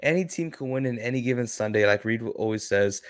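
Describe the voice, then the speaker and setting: A mid-pitched man talks sports casually as a panelist, recorded dry with no room sound. He is blunt and emphatic about his opinions. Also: expressive, fast, no echo. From New York.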